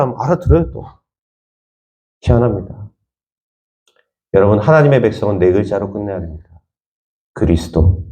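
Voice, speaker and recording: A man's voice: on the high side, warm tone. A man from the Jeolla region of Korea, a pastor preaching a sermon with emphatic repetition and rhetorical questions to the congregation.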